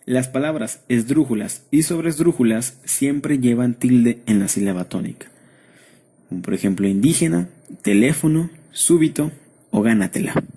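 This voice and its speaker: Mexican man, steady reader, husky and dark, for a school lesson voice-over. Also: mid-range voice. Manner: steady, measured reading of rules and word lists. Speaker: student presenter. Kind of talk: read-aloud lesson narration.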